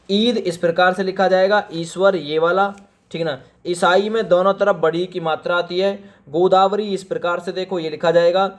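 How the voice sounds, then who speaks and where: A man teaching Hindi spelling for exam preparation, repeatedly telling viewers to pause the video and look carefully. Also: sits high. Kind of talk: exam-prep spelling lesson.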